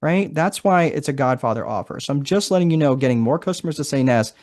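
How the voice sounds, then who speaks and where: A man's voice: a little high, animated, quick pace, a little mellow. Chatty man hosting a live course session. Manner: casual, chatty, keeps adding "right?". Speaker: marketing strategist presenting a course. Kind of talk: live online information session.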